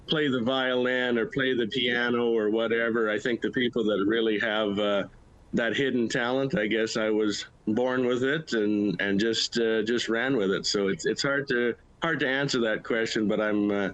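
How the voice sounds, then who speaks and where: A middle-aged livestock auctioneer from Manitoba, Canada, answers interview questions plainly and in short bursts, with a Canadian Prairie accent. His voice is medium-pitched, steady, smooth and a bit bright at normal speed, though the audio is poor.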